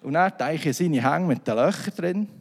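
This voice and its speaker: A man's voice: on the high side, lively intonation, moderate pace. A man preaching a sermon in a loose, conversational way full of asides and restarts. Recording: long reverb of a hall.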